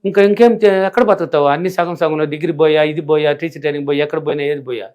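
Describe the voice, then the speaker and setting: The recording is muffled, carrying a man's darkish, on-the-high-side voice that moves very fast. He is a middle-aged villager from rural India, responding to interview questions as a spiritual teacher with emphatic repetition that drives each point home.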